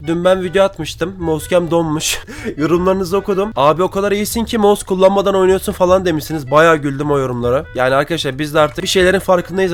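A man in his twenties, just woken up with a rough, thick voice, giving casual, excitable gameplay commentary and chatting with viewers. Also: on the high side. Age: 20s. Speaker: gaming video creator.

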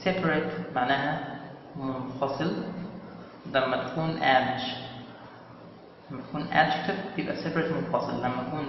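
A man with an Egyptian Arabic accent teaching English vocabulary, speaking slowly and deliberately, repeating words and asking the class questions. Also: medium pitch, a little hiss or hum. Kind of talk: vocabulary lesson explaining words. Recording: echoey room, dull lo-fi sound with faint ambience.

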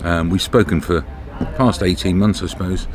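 This middle-aged man from Britain talks to camera outdoors at a campsite in a relaxed vlog style, the camera held at arm's length. He speaks low, at a normal speed, with fairly even intonation, and background noise comes through on the outdoor camera audio.

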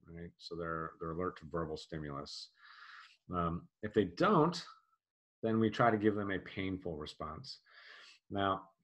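A man teaching an EMT course in a casual lecture style, with frequent "um" and "uh" fillers. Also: deep voice. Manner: casual, many fillers, plain explanatory. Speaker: EMT instructor. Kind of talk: recorded classroom lecture.

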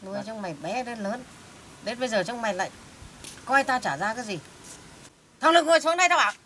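Woman as a high, bright-voiced widowed mother, quick and scolding; amateur short film. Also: expressive, a little hiss or hum. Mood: aggrieved scolding. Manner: scolding, blunt and coarse. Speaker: mother in family drama.

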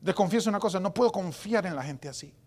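A man in his forties preaching a sermon as pastor in a church, dramatic, going from loud outbursts to hushed whispers. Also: high-pitched, animated, fast talker. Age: 40s.

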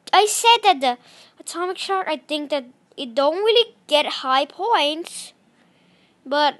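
A woman giving casual gameplay commentary, chatty and apologetic, breaking into excited shouts. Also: sits high. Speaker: gaming channel host.

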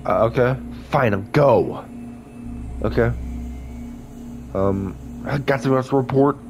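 This gaming YouTuber has a blocked nose and an unhurried, mid-range voice with a darkish tone. As he casually plays, he reads the game's character lines in his own voice and throws in chatty comments, with soft music playing behind him.

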